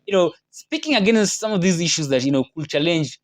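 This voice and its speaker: A man's voice: a little high, lively intonation, brisk. A man with a Kenyan accent giving casual political commentary as a vlogger, chatty and full of "you know" fillers. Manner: chatty, many "you know" fillers, laughs at own points.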